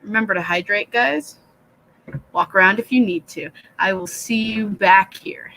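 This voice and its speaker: A woman hosting a late-night writing livestream from a home computer, chatting in a low, soothing voice, rambling and self-deprecating as she reads out the chat. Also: moderate pace, creaky, rough recording. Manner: speaks low and soft, said to sound soothing. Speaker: livestream host of a writing session. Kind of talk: casual live-stream chat. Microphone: computer webcam mic.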